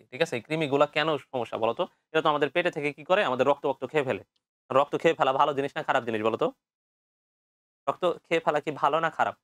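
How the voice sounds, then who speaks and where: A young man teaching an online exam-prep biology lecture, quizzing and answering his own questions in a lively, repetitive way. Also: medium pitch, no echo. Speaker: biology tutor.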